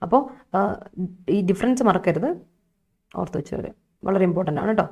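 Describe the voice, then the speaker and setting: A woman's voice: mid-range voice, animated, a little fast, dark tone, highs cut off. A young woman with a Malayali accent teaching English vocabulary in an online exam-prep lesson, chatty and coaxing, repeating key points.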